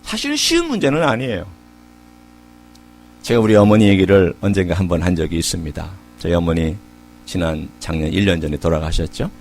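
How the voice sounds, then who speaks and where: Animated middle-aged pastor preaching. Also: male voice, deep voice, brisk, creaky, soft background music. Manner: animated preaching with rhetorical questions; conversational storytelling. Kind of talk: sermon.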